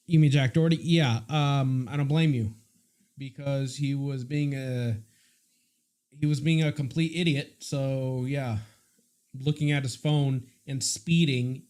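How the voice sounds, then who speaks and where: A man's voice: a little high, warm tone. A man from the United States, chatting casually on a live stream and answering viewer messages.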